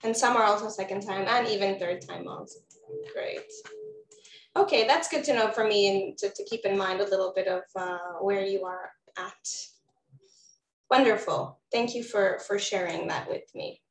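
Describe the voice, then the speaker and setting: An Israeli woman who works as a postpartum doula presents a webinar over a video call, addressing viewers directly in a warm, encouraging way. She has a medium pitch and a moderate pace, and the audio is poor with a roomy sound.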